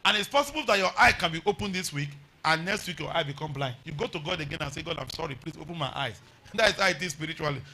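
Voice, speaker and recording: A man's voice: a little high, animated, fast, sharp tone. A man with a Nigerian accent preaching a revival sermon, exhorting emphatically with repeated phrases and rhetorical questions.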